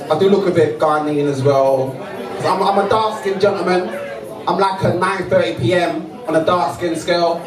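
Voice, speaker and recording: A man with a South London accent performing a conversational stand-up routine, full of slang and questions to the audience. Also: high-pitched. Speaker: stand-up comedian. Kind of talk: live stand-up comedy routine. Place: live comedy stage before an audience. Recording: echoey live venue, distant mic, audience noise.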